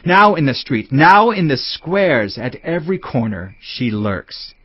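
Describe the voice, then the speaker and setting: A man narrates scripture as a solemn, admonishing father figure in a dramatised Bible reading, his fairly high voice very animated yet slightly slow. There's no room sound, the audio is a bit muffled, and music plays in the background.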